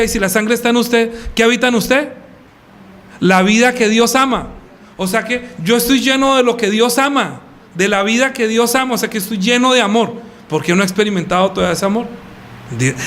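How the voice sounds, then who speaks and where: A man's voice: high-pitched, fairly bright tone, a little hiss or hum. A man preaching a sermon as pastor, asking the congregation questions and answering them, calling listeners by name.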